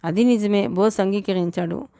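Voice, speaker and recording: A woman's voice: mid-range voice, moderate pace, gravelly, dry recording, studio quality. A woman narrating a novel as an audiobook, reading evenly and often correcting herself. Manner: even storytelling with frequent self-corrections. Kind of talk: novel read aloud.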